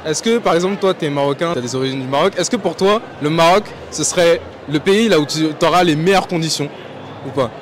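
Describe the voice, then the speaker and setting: A man's voice: on the high side, brisk, a little hiss or hum. A man conducting a casual street interview, pressing people with follow-up questions. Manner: casual, probing follow-ups.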